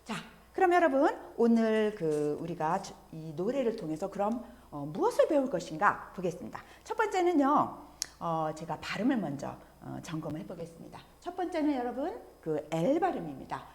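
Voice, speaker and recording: A woman teaches an online lesson on English pop songs, her voice rising and falling in a lively way. She talks warmly to the viewers with small fillers and slows down to model each English word with care. The recording has a roomy echo. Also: medium pitch. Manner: explains patiently, models English words slowly and clearly; animated, speaks straight to viewers with many fillers.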